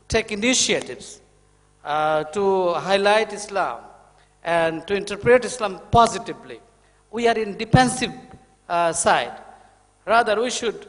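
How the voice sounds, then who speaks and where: A man from Bangladesh asking a formal question from the floor of a conference, measured and pausing often. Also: high-pitched. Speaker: audience member, NGO chairman. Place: large conference hall. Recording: reverberant conference hall.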